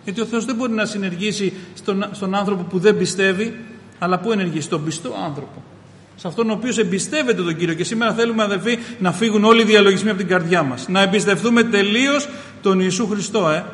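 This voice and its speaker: High-voiced man preaching in a hall. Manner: impassioned preaching, swells loud on key phrases; addresses listeners as brothers. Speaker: pastor. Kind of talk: sermon. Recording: reverberant hall, faint ambience.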